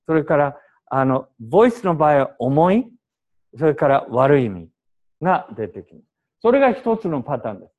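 Animated man teaching a class, lo-fi. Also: on the high side, moderate pace. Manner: animated, explains with examples and short English glosses. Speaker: Japanese language teacher. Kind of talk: classroom lecture mixing Japanese and English.

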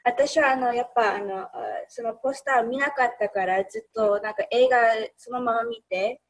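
A woman's voice: fairly high pitch, moderate pace, poor audio. A woman in casual discussion of a film, talking hesitantly with many fillers. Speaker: discussion participant.

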